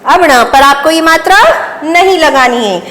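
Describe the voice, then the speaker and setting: A woman's voice: sits high, animated, fairly bright tone, big-room sound. A woman teaching young children a phonics lesson, patiently asking questions and answering with praise. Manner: slow, patient, call-and-response questions and praise. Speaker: primary school teacher.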